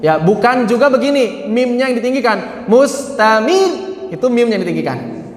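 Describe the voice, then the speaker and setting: High-voiced man teaching recitation, echoey. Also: lively intonation, a crowd in the background. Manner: demonstrates examples slowly, then corrects with short asides. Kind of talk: tajwid lesson with recited examples. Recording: echoey room with long reverb.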